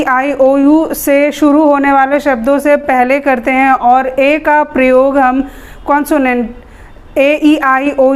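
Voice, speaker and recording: A young Indian woman teaching a grammar lesson patiently, asking questions and then answering them herself. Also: high voice. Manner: slow, patient, asks and answers her own questions.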